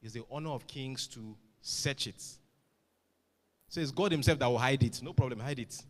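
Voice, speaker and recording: A man's voice: medium pitch, normal speed, big-room sound. A middle-aged man giving an emphatic motivational address to students, full of rhetorical questions. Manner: emphatic, rhetorical questions, swings loud and soft. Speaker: motivational speaker.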